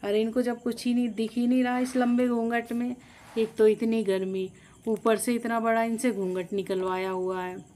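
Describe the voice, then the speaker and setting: A woman's voice: on the high side, flat delivery, moderate pace, warm tone, slight background noise, lightly acted. A woman voicing a young groom who reasons with his mother on behalf of the brides in a storybook tale. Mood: pleading. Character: young groom, sympathetic son.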